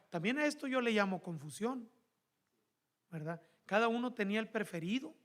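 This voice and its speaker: A man with a Mexican accent preaching a sermon in church, animated and calling the congregation brothers. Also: high-pitched. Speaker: pastor.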